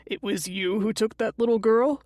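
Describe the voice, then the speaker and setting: A woman's voice: on the high side, normal speed, darkish tone, no echo, lightly acted. A woman doing a sly, menacing uncle. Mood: sneering. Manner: smooth, wheedling, wry.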